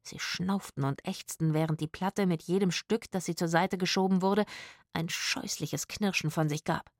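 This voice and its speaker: A woman reads a children's adventure story aloud with expressive storytelling. Her voice is on the low side. The recording is close and dry, with no room sound. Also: normal speed, no echo. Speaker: audiobook narrator. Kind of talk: scripted storybook narration.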